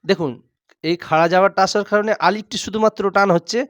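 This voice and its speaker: A man teaching Quran reading step by step, drilling letters aloud and slowly repeating each word. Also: high-pitched, steady tone, a bit bright, no room sound, studio quality. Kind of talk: step-by-step recitation lesson.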